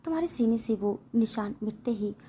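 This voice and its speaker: A brooding young husband from a romantic storybook speaks in a solemn, intense hush, voiced by a woman narrator. His lines are slow and heavy with feeling. A faint hiss runs under the recording. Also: fairly high pitch, expressive. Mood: passionate.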